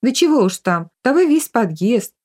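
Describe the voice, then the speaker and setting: A woman's voice: on the high side, big pitch swings, moderate pace, darkish tone, voice pushed up. Woman doing a weary grumbling young woman. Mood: grumpy. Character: young woman, tired and grumpy.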